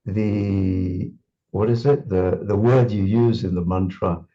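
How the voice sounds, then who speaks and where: A man from Singapore reminisces in an interview, his voice low and steady and his pace slow. He is thoughtful, repeating words and restarting often with many fillers, and the recording has its highs cut off.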